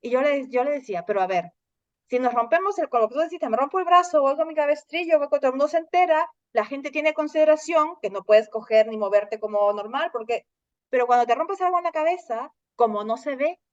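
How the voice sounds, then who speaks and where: A woman hosting a casual conversation, telling stories in an animated way and acting out the lines of others. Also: high voice, brisk, dry recording, muffled recording. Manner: animated storytelling, acting out dialogue. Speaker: host.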